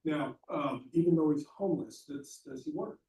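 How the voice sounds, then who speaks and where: A man questions a witness as defense counsel, halting and often repeating his words. His voice is dark and low-key. The courtroom recording catches him from across a reverberant room. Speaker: defense attorney. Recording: echoey courtroom from far off.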